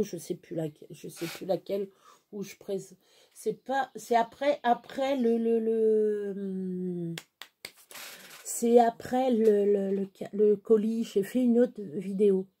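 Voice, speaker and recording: A middle-aged woman vlogger talks to camera in a mellow, warm voice, rambling casually with frequent fillers and restarts. Now and then she slips into soft baby talk. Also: mid-range voice, unhurried, slightly rough. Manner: chatty, hesitant, many restarts and fillers, baby talk to her dog.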